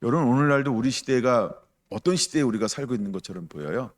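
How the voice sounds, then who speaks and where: A man preaching a sermon as pastor, emphatic, asking the congregation questions and acting out quoted voices with loud bursts. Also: medium pitch, animated, fast talker. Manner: acts out quoted voices with sudden loud outbursts.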